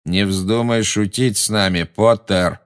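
A man voicing a cold, sneering aristocratic dark wizard who threatens a boy. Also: lowish voice, steady tone, measured pace, natural voice.

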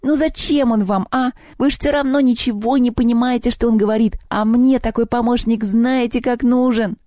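A woman's voice: a little high, fairly even intonation, moderate pace, mellow, dry recording, clean studio sound, voice pushed up, natural voice. A woman voicing a whiny, mischievous little male house spirit in a storybook reading. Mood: whining. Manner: wailing, whining, sulky.

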